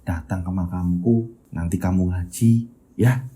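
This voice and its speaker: A man voicing a quiet, sad elementary schoolboy who talks low and subdued, trailing off. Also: measured pace, rough recording.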